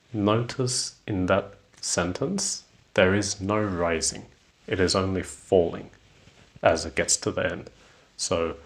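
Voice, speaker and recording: A young man giving a scripted English lesson, speaking slowly and deliberately and stretching out example phrases to show rising and falling tones. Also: low voice. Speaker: English teacher.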